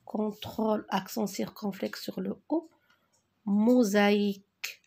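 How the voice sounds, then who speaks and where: A woman teacher going slowly through a spelling exercise, dictating words and naming each accent mark. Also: mid-range voice, vocal fry, darkish tone, a little hiss or hum. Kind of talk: worksheet correction lesson.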